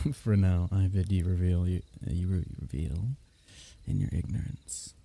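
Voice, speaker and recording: This heavily acted ASMR roleplay has a man voicing an affectionate court diviner from a fantasy realm, his steady tone low, deeply dark, and mellow with gravelly fry at the fringes. The mood is teasing and fond. He halts softly between courtly, playful lines and chuckles quietly.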